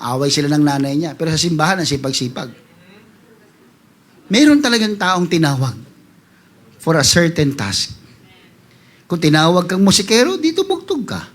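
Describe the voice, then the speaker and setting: Animated man preaching. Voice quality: rising to loud high calls to the congregation. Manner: animated preaching, voicing congregants in quick asides. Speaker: pastor. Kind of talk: sermon.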